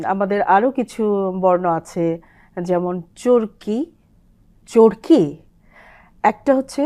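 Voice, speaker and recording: A woman's voice: mid-range voice, darkish tone. A woman, a language expert explaining pronunciation on a TV program. She drags sounds out in spoken word examples and recites lines of verse.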